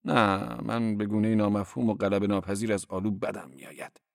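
A man's voice: on the low side, fairly even intonation, vocal fry, no room sound, clean studio sound, pitched above the performer's own voice. Man playing a curt, gloomy young man.

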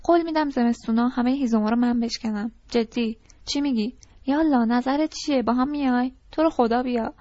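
A woman's voice: a little high, mellow, dry recording, close to an everyday voice. A woman voicing a disgruntled teenage boy who rambles through complaints and pleads eagerly, in an audiobook reading. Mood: eager, pleading. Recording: dull lo-fi recording.

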